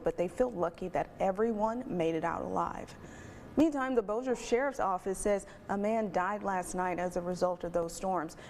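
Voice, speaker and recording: A woman news anchor reading the evening headlines in a crisp, measured newsreader manner. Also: on the low side, a little mellow, slight background noise.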